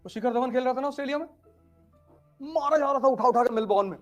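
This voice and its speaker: High-voiced man telling jokey stories. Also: fast talker, soft background music. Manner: animated, joking, swings between loud and hushed. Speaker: motivational speaker. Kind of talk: humorous storytelling talk.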